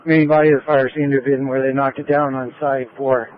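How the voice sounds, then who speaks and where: A man's voice: medium pitch, level tone, brisk, no room sound. A man on a fire crew reporting status to his chief over a two-way radio. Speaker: firefighter on tower truck crew. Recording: muffled lo-fi fire radio transmission.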